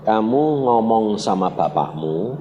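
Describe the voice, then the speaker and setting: A gentle, fatherly God speaks low and slow, as a preacher acts him out in a sermon. The voice carries a long church-hall reverb. Faint background noise sits underneath. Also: lo-fi sound, lightly acted. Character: God speaking tenderly to a man, calm and fatherly.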